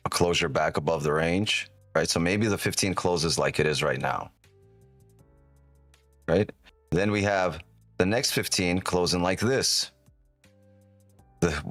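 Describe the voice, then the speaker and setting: Very deep whiskey-voiced man, live commentary. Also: no room sound. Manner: thinks aloud, often tags phrases with "right?". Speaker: live trading streamer, host. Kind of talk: casual live-stream market commentary.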